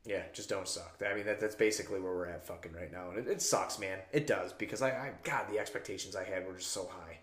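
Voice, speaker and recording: A man's voice: deep voice, quick pace, few pauses, a bit bright. A man hosting a sports podcast in casual, rambling, profane chat, tired after drinking, recorded in a bathroom with heavy echo. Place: small tiled bathroom.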